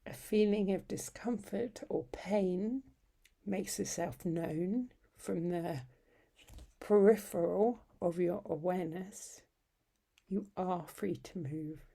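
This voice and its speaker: A yoga nidra instructor, a woman with a fairly low voice, guides a meditation in soft, breathy, husky tones. She is soothing and unhurried, leaving long pauses between short phrases.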